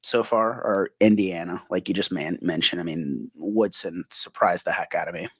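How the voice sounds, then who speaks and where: A man's voice: deep voice, normal speed, husky, no echo. A man co-hosting a podcast in casual conversation, talking in long stretches and often tagging his points with a questioning "right?". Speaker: podcast co-host. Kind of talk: casual sports podcast chat.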